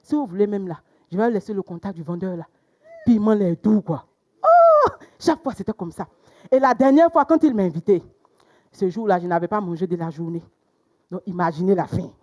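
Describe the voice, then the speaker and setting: A young woman performing a stand-up comedy routine, telling stories with sudden loud exclamations. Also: mid-range voice, a little fast. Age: young adult.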